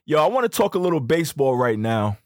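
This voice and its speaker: A young man hosting a podcast, telling a story in a casual, slangy, animated way. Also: on the high side, quick pace, no echo, studio quality. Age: young adult. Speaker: podcast host.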